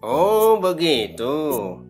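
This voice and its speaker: A man plays a cheeky young village watchman who teases his friends in a Sundanese lilt. His pitch swings widely while his pace stays slow and drawn out, with clear guitar music behind him. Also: sing-song, full character voice. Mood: teasing. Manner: teasing, mocking banter. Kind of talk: motion comic voice acting.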